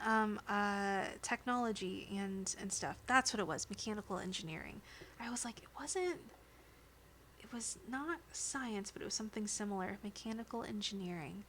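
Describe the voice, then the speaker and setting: A woman streamer chats casually with her viewers, rambling from one thought to the next and laughing easily. She speaks into a close dynamic microphone at an ordinary pitch, with a faint hiss of noise underneath. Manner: chatty and rambling, often laughing. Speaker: livestreamer. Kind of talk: casual livestream chat with viewers. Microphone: dynamic studio microphone.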